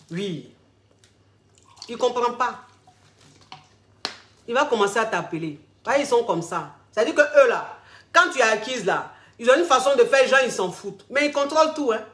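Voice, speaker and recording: A woman's voice: fairly high pitch, bright, forceful tone. A woman hosting a vlog, giving casual, familiar relationship advice and repeating herself as she speaks to her listeners as darling. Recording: roomy echo.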